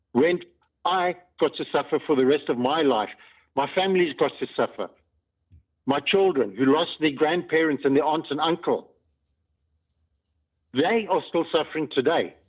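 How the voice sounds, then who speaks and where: Man, phone-in caller, narrowband phone audio, raised pitch, emotional, distressed, emphatic, halting and repetitive. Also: slightly rough. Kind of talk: impassioned personal testimony. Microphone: phone call. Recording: tinny narrowband phone line.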